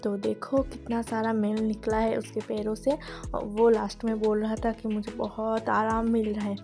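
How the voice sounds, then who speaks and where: A woman narrates her day in a relaxed, chatty vlog, joining each thought to the next with "so". Her voice sits a little high, and music plays clearly behind her. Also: normal speed. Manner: chatty, strings sentences with "so". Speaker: vlogger.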